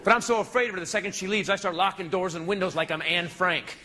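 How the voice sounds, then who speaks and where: A brash male stand-up comedian tells a wild story on stage, his voice pitched high and animated. The live recording carries a lot of background noise. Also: fast talker.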